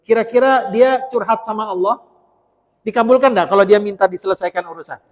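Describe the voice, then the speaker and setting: A man giving a lively, conversational Islamic lecture, addressing the congregation directly and joking with them. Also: sits high, brisk. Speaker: preacher. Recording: long hall reverb.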